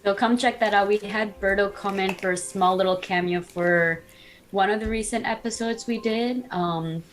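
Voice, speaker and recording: A woman chatting as a podcast guest in an upbeat way, laughing easily, over a video call. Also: lowish voice. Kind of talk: casual podcast chat.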